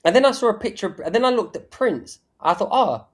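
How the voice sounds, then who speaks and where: A man chatting on a podcast, excitable and swearing, stumbling over his words. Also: sits high, fast talker. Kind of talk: casual chat.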